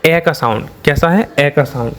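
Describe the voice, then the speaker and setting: A man's voice: a little high, normal speed, fairly bright tone. Indian man teaching step by step. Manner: explains step by step, asks and answers his own questions. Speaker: shorthand teacher. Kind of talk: classroom-style lesson.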